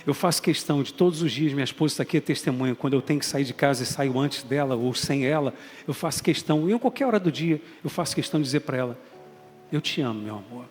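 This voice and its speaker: A man's voice: a little high, quick pace, hardly any pauses. A man with a Brazilian Portuguese accent preaching a sermon as a bishop, emphatic and calling out to the congregation. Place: large church hall. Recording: long hall reverb, faint music.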